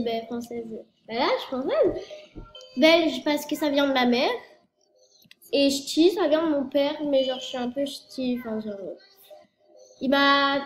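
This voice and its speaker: A girl in her early teens from France, rambling through a casual vlog with lots of fillers and self-corrections, her nose stuffed up from a cold. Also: sits high. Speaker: youtuber. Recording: echoey room with faint noise.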